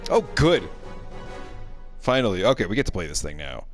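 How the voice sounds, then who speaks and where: A low-voiced man with big swings in pitch talks at a normal speed, offering casual, grumbling, sarcastic commentary as he plays a video game with a friend. Game music plays behind him.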